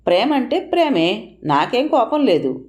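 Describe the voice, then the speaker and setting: A woman's voice: on the high side, big pitch swings, unhurried, a little mellow, voice pushed up. A woman voicing an educated young man who answers in an easygoing, lightly teasing way in an audio story.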